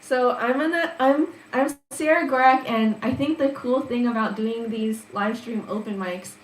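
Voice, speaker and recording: A woman's voice: on the high side, normal speed, a little hiss or hum. A young woman from Washington State, chatting casually and a little shyly before her open mic set on a live stream, heard through her laptop microphone. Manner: chatty, laughs easily, soft-spoken intro. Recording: echoey room on a laptop stream.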